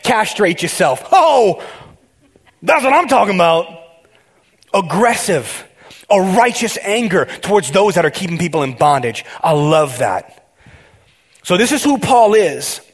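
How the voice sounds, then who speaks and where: A male pastor preaching a conversational sermon, excitable and talking straight to his congregation, often restarting his sentences. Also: high voice, a little slow, pauses often, husky.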